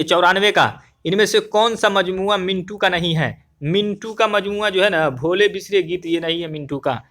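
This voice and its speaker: Young guy teacher racing thru exam answers, fairly high voice, repeats everything. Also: fairly bright tone. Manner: brisk, repeats questions and answers, addresses viewers as friends.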